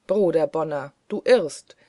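Reader doing a taunting, cackling male prisoner, loud jeering tone, dry close sound, audiobook. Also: mid-range voice, measured pace, no room sound, close to an everyday voice. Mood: mocking. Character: mocking, defiant male prisoner with a cackling laugh. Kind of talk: audiobook character voice.

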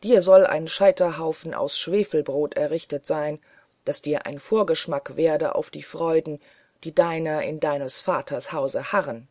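Brief: enraged fanatical bishop bellowing threats, put on by an audiobook reader; loud, furious, mid pitch. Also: fairly even intonation, unhurried, no room sound, clean studio sound. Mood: raging. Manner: shouting, furious. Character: raging, fanatical male bishop. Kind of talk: audiobook character voice.

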